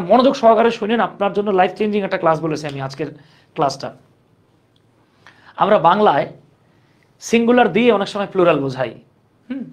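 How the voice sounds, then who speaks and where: A man teaching English grammar in a relaxed, conversational way, asking students questions and joking along. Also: sits high. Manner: conversational, asks the class questions, jokes. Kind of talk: grammar lesson.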